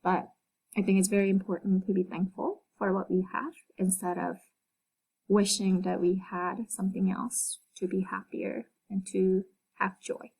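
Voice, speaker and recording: A woman reading a devotional aloud at home, then reflecting in an unhurried way, with frequent fillers and restarts as she talks freely. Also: mid-range voice, level tone, creaky, a little mellow, slightly rough, rough recording. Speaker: devotional leader.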